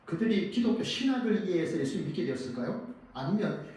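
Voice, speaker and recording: A man's voice: sits high, very animated, fast talker. A man, a pastor, preaching a sermon who asks the congregation questions and answers them himself, his voice swelling and dropping. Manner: dramatic rises and drops in loudness. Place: church sanctuary. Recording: very echoey church hall, mic at a distance.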